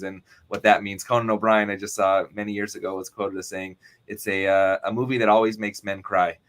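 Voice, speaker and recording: A man's voice: lowish voice, fairly bright tone. A man hosting an interview, asking easygoing, rambling questions with fillers. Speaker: rabbi, podcast host.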